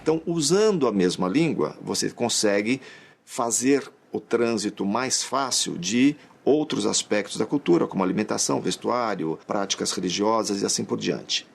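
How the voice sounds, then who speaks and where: A man's voice: on the low side, expressive, moderate pace, vocal fry, slightly rough. A man explaining history in an interview, in a conversational teaching manner.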